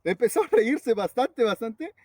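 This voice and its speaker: A man from a Zapotec-speaking community with a Mexican Spanish accent, a teacher telling a folk tale in a relaxed, conversational way. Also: very high-pitched, unhurried, husky, dry recording, studio quality. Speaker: teacher and storyteller.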